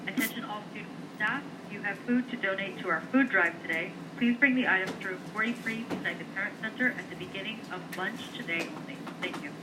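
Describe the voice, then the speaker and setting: A woman making a formal school announcement, heard over an intercom loudspeaker in a classroom. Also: medium pitch. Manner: brisk, formal announcement delivery. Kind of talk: public address announcement. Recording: distant, noisy intercom speaker in a classroom.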